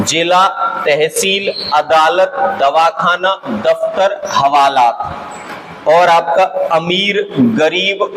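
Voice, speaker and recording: A male teacher delivers an exam-prep lesson, reading out word after word at a slow, unhurried pace. His voice sits a little high for a man, and he keeps pausing to check in with his students. A faint hiss of background noise runs under the recording. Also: fairly bright tone, poor audio. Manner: slow, deliberate listing with frequent "ठीक है" check-ins. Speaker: Hindi grammar teacher. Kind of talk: exam-prep lesson, listing vocabulary words.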